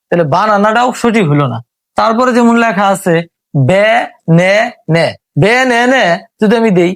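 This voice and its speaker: A man's voice: high voice, no room sound. A man teaching English reading, patiently sounding out words syllable by syllable. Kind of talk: spoken lesson.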